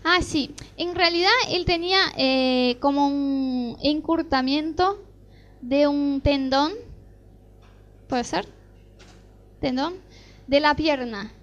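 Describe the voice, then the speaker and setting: A woman's voice: high voice, slow pace, long pauses, highs cut off. A middle-aged woman with an Argentine Rioplatense accent, preaching a sermon built around a personal testimony. She tells her story vividly and acts out the dialogue as she goes. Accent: Argentine Rioplatense Spanish. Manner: animated storytelling, acting out dialogue.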